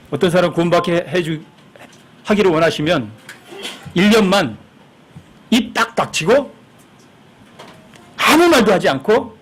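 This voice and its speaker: Male pastor, high and husky, lively sermon delivery that acts out quoted voices. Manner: acts out quoted voices, emphatic and conversational with the congregation.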